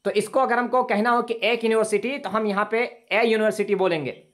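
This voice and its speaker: A male English teacher giving an online lesson over a video call, patiently explaining grammar rules and repeating words slowly for his students. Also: sits high, steady tone. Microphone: computer mic on a video call.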